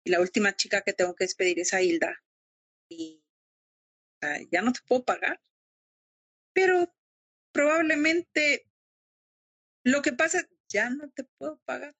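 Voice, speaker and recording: A woman's voice: high voice, expressive, a little slow, long pauses, fairly bright tone, husky, dry recording. A middle-aged woman with a Mexican accent, telling her story emotionally and animatedly as a guest in a casual interview. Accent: Mexican Spanish. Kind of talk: casual interview over video call.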